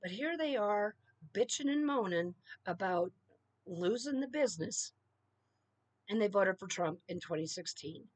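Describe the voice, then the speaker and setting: A middle-aged woman talks straight into the mic in a fired-up solo rant, leaning hard on "okay?" and "you know" between points. Her voice sits at an ordinary middle pitch. The sound is dry and close, with almost no room around it. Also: animated, measured pace, no echo. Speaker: political commentator.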